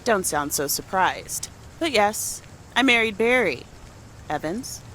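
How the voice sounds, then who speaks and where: A woman's voice: medium pitch, animated, slow, a bit bright, a little hiss or hum. An actress playing a wry, busy small-town mother in her forties in a video game, with a curt, sarcastic way of talking.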